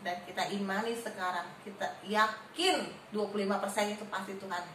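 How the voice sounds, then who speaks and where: A woman gives a personal faith testimony in a steady, matter-of-fact tone, her pitch staying level. The room echoes around her. The mic is some distance away. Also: fairly quick, a little hiss or hum. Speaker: wife giving testimony.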